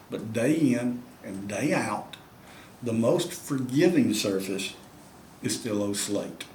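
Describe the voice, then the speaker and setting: This turkey call maker and instructor speaks in a lowish, somewhat mellow voice, drawling folksily as he demonstrates pot call care and addresses viewers as y'all. The room echoes, and there's slight background noise.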